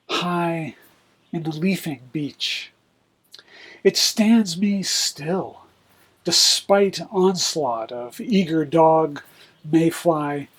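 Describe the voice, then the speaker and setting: A man, a poet, reciting his sonnet in a deliberate, measured verse delivery. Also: a little high, husky.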